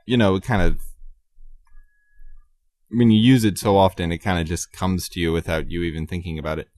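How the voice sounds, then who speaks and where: A man hosting his own podcast, talking casually and haltingly about composing, with many ums and self-corrections. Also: deep voice, fairly even intonation, a little mellow, no echo. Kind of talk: casual solo talk about his music.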